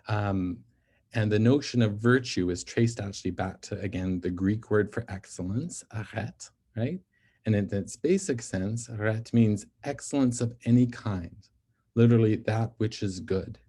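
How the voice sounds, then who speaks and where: A man with a fairly low, mellow voice lectures on ethics in a steady, explanatory way. He pauses often to check in with his listeners, asking whether they follow before moving on. The delivery is patient and methodical. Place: NICU physician.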